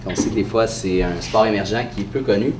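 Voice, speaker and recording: Male, Quebec French, low-pitched, congested with a cold, halting press-conference presenter, distant mic in an echoey room. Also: a loud crowd. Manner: hesitant, halting delivery with frequent pauses. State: has a head cold. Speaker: sports association president presenting. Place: indoor room at a press event.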